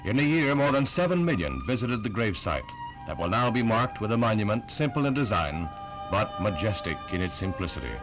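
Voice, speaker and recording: A man's voice: lowish voice, very animated, a little fast, over music, rough recording. A man narrating a 1960s newsreel with a solemn, stately delivery.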